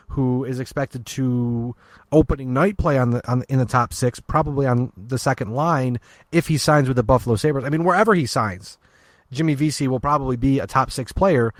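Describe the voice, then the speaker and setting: A man's voice: mid-range voice, normal speed, no echo. Rambling man on a sports podcast. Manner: rambling, many restarts and fillers. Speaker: podcast co-host. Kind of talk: casual sports podcast chat.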